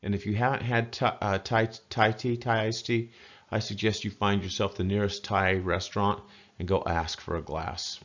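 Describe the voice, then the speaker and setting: Guy with a really deep voice teaching a lesson, folksy and chatty, kinda muffled lo-fi sound. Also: fairly even intonation, a bit bright. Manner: chatty and folksy, repeats words slowly to model pronunciation. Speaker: language teacher. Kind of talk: casual spoken language lesson.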